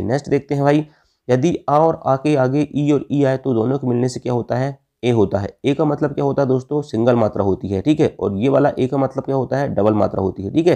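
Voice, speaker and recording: Mellow-voiced male teacher. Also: mid-range voice. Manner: asks the class questions and answers them himself, addressing "friends"; repeats key terms for emphasis. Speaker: Hindi grammar teacher. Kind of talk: exam-prep lesson.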